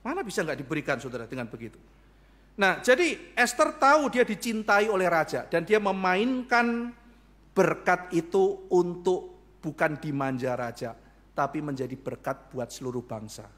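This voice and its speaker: A man's voice: high-pitched, animated, moderate pace, a bit bright. A man pastor preaching a sermon, acting out dialogue in shifting voices.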